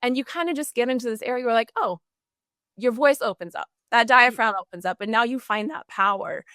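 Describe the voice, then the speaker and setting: A woman's voice: fairly high pitch, a bit bright, no echo, studio quality. A woman guest on a podcast, answering with enthusiasm in a coaching tone. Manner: enthusiastic, coaching tone with quick acted examples. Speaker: podcast guest, customer service trainer. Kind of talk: energetic interview answers.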